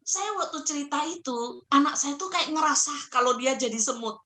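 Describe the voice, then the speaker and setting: A middle-aged woman, a parenting guest who tells stories in lively casual talk and acts out voices. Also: high voice, moderate pace. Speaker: podcast guest, parenting practitioner.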